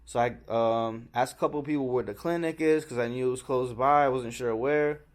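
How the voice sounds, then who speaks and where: A young man telling a story in a casual vlog, rambling and animated, acting out quotes and swearing freely. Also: medium pitch, moderate pace. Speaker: travel vlogger. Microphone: small handheld camera.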